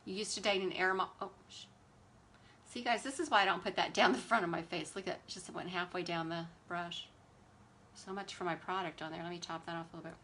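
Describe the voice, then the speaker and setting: A woman's voice: lowish voice, fairly even intonation, brisk, sharp tone, a little hiss or hum. A woman, chatting animatedly and with exasperated sass while hosting a beauty livestream. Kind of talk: casual livestream chat while doing makeup.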